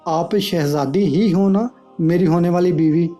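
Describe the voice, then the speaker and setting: Brief: soft-spoken young fiancé in a storybook, a male narrator doing him, mellow. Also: fairly high pitch, unhurried, faint music behind, natural voice. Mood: hurt. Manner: calm, kind, hurt.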